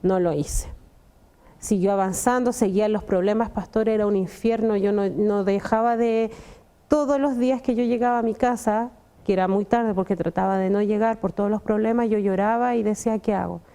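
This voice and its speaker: A woman's voice: mid-range voice, fairly even intonation, normal speed, mellow, clean tone. A young adult woman, giving an earnest personal testimony and often addressing the pastor. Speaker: testimony guest.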